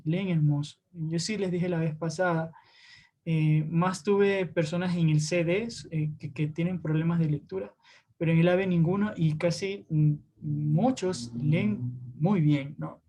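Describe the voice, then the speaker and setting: A man's voice: a little high, dark tone. A man teaching an online class, talking in a hesitant way with tag questions to his students. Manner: hesitant, many fillers and restarts, tag questions.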